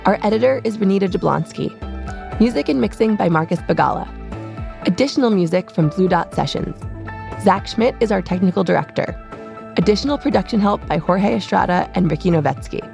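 A woman's voice: mid-range voice, animated, a little fast, creaky, darkish tone, soft background music. A woman podcast host reading scripted credits.

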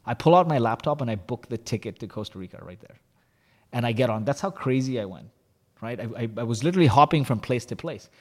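Male interview guest, founder, candid animated storyteller, mid pitch, long reverberant hall. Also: quick pace. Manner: animated, confessional, heavy use of "like" and "you know".

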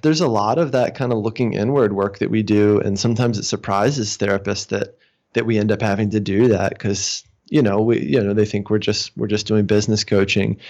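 A man who coaches therapists on their practices, speaking calmly and reflectively in an interview, often restarting his sentences. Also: on the low side. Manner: calm, reflective, with frequent restarts and fillers. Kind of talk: casual interview talk.

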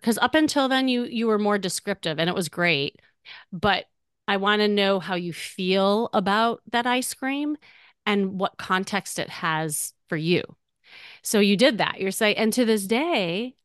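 A woman's voice: medium pitch, a bit bright, clear, resonant tone, dry recording, clean studio sound. A woman hosting a dating-coaching podcast, upbeat and encouraging, often laughing as she talks. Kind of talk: warm encouraging coaching chat.

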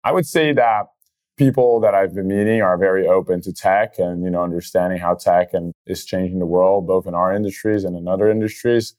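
A young man from Brazil, a startup founder, telling his story in a relaxed interview with many fillers. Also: sits low, a little fast. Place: outdoor event venue.

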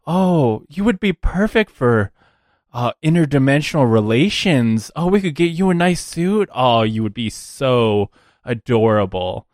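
A man's voice: medium pitch, unhurried, dry recording, clean studio sound, pitched above the performer's own voice, lightly acted. A man putting on a gushing corporate recruiter woman. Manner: gushing, flattering sales talk. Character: smiling female corporate recruiter, pushy and sugary.

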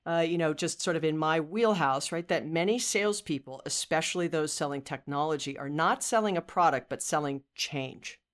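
A woman's voice: low-pitched, normal speed, hardly any pauses. Upbeat woman in her fifties hosting. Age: 50s. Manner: upbeat, leans on "you know" and restarts. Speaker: podcast host. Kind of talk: conversational podcast interview.

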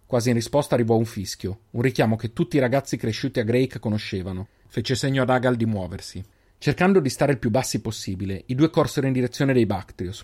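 Measured male story narrator. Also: medium pitch, a little mellow, breathy edge. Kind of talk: audiobook narration.

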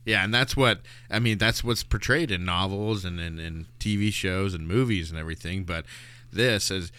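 A man's voice: low-pitched, normal speed, sharp tone, clean tone, no room sound. A young adult man hosting a podcast, chatting easily with his father about a film. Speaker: podcast host. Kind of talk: casual chat.

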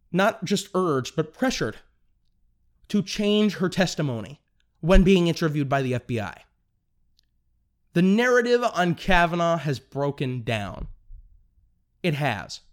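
Excitable young man hosting a political podcast. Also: on the high side. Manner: fast, excitable, stumbles over words and restarts. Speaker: podcast host.

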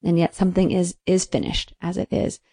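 Woman, lowish voice, podcast host, reflective spiritual monologue, intimate, phrase-by-phrase delivery. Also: completely flat delivery, brisk, dark tone.

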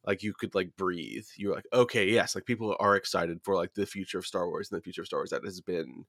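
A man with a low voice tells lively stories in a casual podcast chat. He laughs often as he goes. The sound is dry and close. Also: quick pace, no echo. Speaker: podcast co-host.

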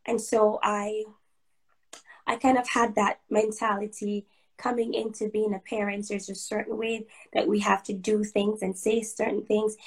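A woman's voice: medium pitch, poor audio. Woman, hesitant guest chat. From Jamaica. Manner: hesitant, with many "um"s and restarts. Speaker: guest, blogger and author. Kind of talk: casual interview chat. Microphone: livestream call.

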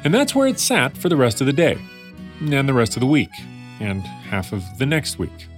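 A man's voice: mid-range voice, huge pitch swings, moderate pace, soft background music. A man narrating a scripted story in a conversational way, with wry asides to the listener. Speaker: podcast narrator.

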